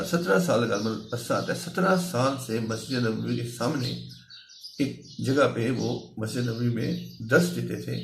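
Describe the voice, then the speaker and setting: A man's voice: mid-range voice, creaky, background noise. Man, religious lecture, patient, explanatory, reverberant room. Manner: measured, patient, explains with worked examples. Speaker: religious speaker. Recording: echoey room.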